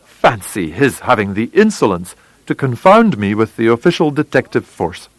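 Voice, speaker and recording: A man voicing an unruffled, witty gentleman detective in an audiobook, speaking in a bland, quietly amused manner. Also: medium pitch, dry recording, lightly acted, low-quality recording. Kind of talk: audiobook character voice.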